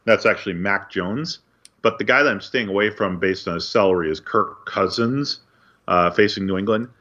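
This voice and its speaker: A man's voice: lowish voice, moderate pace, bright, forceful tone. A man co-hosting a sports podcast, reading news and chatting casually with a dry, wry delivery. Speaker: podcast co-host. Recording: dull lo-fi sound.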